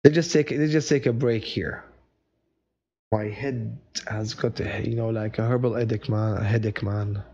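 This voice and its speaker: A man's voice: fairly low pitch, steady tone, normal speed, dark tone, highs cut off. A male teacher running a live online revision session, chatty and joking, greeting viewers by name and mixing in Arabic phrases.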